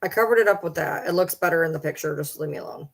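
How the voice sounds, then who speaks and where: A woman's voice: sits low, very fast, creaky. A woman in her early forties chatting casually on a live stream, rambling and answering viewer comments. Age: 40s. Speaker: livestreamer.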